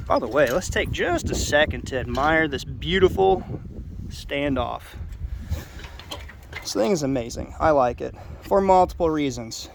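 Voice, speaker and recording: This roofer, congested and nasal, presents his own video from outdoors on a house roof, explaining hands-on tasks in a plainspoken, rambling, unscripted and informal manner. His voice sits on the high side with vocal fry, and a little hiss or hum can be heard.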